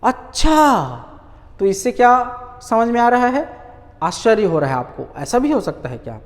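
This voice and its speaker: A man teaching a grammar lesson in a very animated voice that climbs and dips widely. He keeps asking questions and answering them himself, and he repeats key words slowly. His voice rings with a long reverb, as if recorded in a bare hall. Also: high voice.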